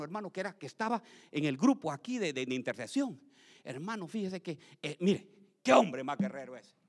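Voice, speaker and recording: High, animated preaching man in reverberant hall. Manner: preaching with sudden shouted outbursts and acted voices. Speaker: pastor. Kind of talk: sermon.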